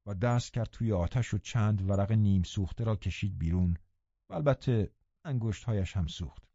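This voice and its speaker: A man narrating a novel in the first person with expressive storytelling. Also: fairly low pitch, no echo, muffled recording. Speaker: audiobook narrator.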